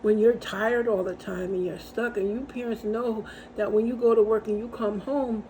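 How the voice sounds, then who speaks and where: A middle-aged woman talks in a relaxed, conversational way, giving faith-based encouragement. Her voice is warm and mellow. She circles back on her phrases and tells small everyday stories, with a faint hiss behind her. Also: fairly high pitch, normal speed, rough recording. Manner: conversational and repetitive, with storytelling asides. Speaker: host and encourager.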